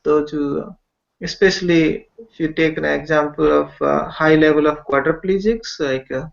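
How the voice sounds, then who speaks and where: A man speaks very slowly and hesitantly, pausing often as he explains his project. His voice sits a little high, and the video-call audio is dull and muffled. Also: creaky. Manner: hesitant, many pauses and fillers. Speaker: webinar participant describing his project. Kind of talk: slow, halting self-introduction.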